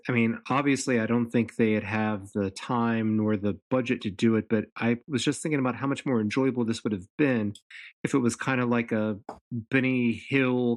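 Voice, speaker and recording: A man co-hosting a podcast, musing in a relaxed, hedging way during casual chat. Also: mid-range voice. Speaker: podcast co-host.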